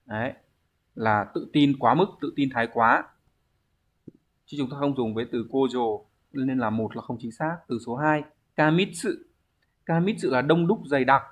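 A man's voice: medium pitch, moderate pace. A man, teaching a language exam review lesson, explaining step by step and answering his own questions.

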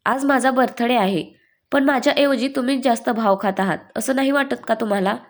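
A woman voicing an emotional, quick-tempered young woman who scolds fast and breaks into sobs. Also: a little high, lightly acted. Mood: irritated scolding. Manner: rapid, scolding then sobbing speech.

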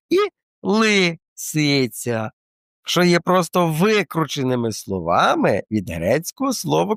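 A man's voice: fairly high pitch, creaky, no echo. A man presenting a casual explanatory talk in a colloquial, playful way with slangy asides, close to the mic.

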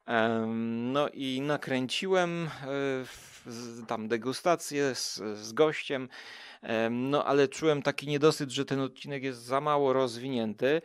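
Rambling Polish podcast guest, dry sound. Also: male voice, medium pitch, unhurried, smooth, dry recording. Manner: rambling, many fillers and restarts. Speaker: podcast guest, food show creator. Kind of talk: casual chat.

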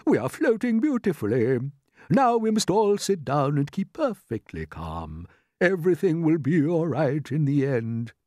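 A performer as a courtly, excitable old grasshopper. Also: mid-range voice, measured pace, no room sound, clean studio sound, voice pushed up. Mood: stately, reassuring. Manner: grandly polite, exclamatory. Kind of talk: storybook character voice.

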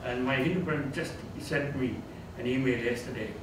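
Speaking at a normal speed and medium pitch, an older man in his sixties with a Tamil accent gives his retirement farewell as a theology professor, reflective and gently self-deprecating, in an informal lecture with Q&A. A far camera picks him up in a medium-sized indoor seminar room with echo and background noise.

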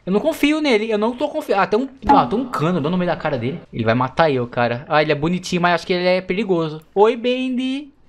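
A man from Brazil giving excitable, chatty let's play commentary to his viewers. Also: high-pitched, racing, hardly any pauses. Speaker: gaming YouTuber.

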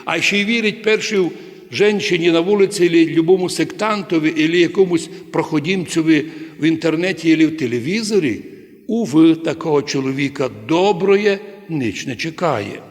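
A fairly high-pitched man delivers a sermon as an archpriest. He preaches with sudden loud, dramatic cries, and his voice rings through the long reverb of a large cathedral. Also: moderate pace.

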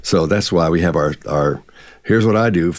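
Fifties guy on a webcam call, lower voice, dry sound, chatty and animated. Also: moderate pace, no room sound. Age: 50s. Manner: animated storyteller, acts out quotes. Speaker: co-host. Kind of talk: casual live Q&A chat. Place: home office with bookshelves. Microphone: video call webcam.

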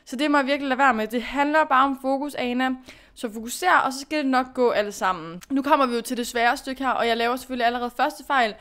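A young woman with a high, smooth, clear voice narrates her own gameplay in a chatty, self-directed way. She pushes herself to focus, scolds her own mistakes and praises her own good moves. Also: hardly any pauses, fairly bright tone. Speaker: gaming youtuber. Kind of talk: casual gameplay commentary.

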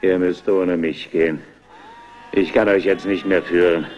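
A man's voice: low voice, steady tone, measured pace, lo-fi sound. A man playing a blinded, vengeful one-eyed giant shepherd who broods, laments and threatens, in a radio drama with a long reverb. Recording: long reverb, cave-like hall.

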